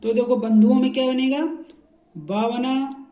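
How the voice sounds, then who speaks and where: A man teaching shorthand, explaining step by step, asking questions and answering them himself, repeating sounds slowly. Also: very high voice, steady tone, mellow. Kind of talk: classroom explanation.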